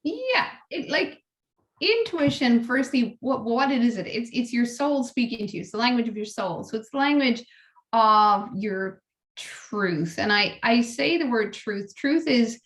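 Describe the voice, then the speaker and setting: Earnest woman guest, roomy echo. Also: on the high side. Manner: earnest, repeats words and restarts often. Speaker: guest speaker. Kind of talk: casual conversational interview.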